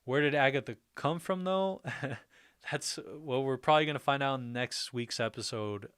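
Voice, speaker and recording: A man hosting a casual livestream reads viewer comments aloud, mulls them over and laughs often between remarks. His medium-pitched voice is clean and fairly bright, at a normal speed.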